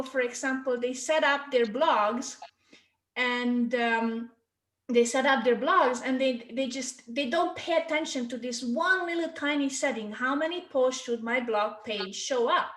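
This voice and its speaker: A Hungarian woman with a high voice and a Hungarian accent runs an informal online marketing workshop at a measured pace, her words echoing in a reverberant space. She keeps it chatty, regularly checking in with listeners through "okay?" and "right?".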